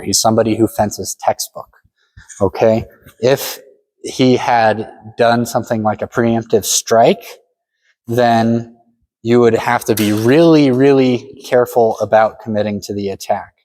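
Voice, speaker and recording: A man's voice: mid-range voice, fairly even intonation, unhurried, darkish tone, rough recording. A man giving a step-by-step demonstration lesson as a fencing instructor, matter-of-fact and full of directions.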